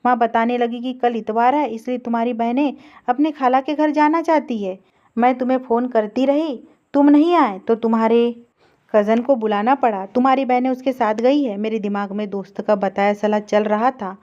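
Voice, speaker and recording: A woman reading an emotional story aloud in a steady, earnest narration. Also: on the high side, moderate pace. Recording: dull lo-fi recording.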